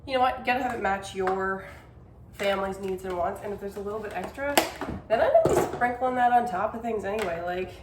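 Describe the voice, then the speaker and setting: A woman's voice: mid-range voice, a little fast, reverberant, distant mic, background noise. Chatty woman prepping food in a kitchen. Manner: chatty, self-deprecating, talks while working in the kitchen. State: a little out of breath. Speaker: cooking vlogger. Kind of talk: casual meal-prep vlog. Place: home kitchen.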